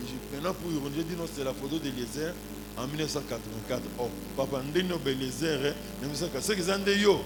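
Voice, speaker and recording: This man in his forties preaches with a Congolese accent, peppering his sermon with exclamations, rhetorical questions, anecdotes and direct appeals to the congregation. His pitch is fairly high and the audio quality is poor.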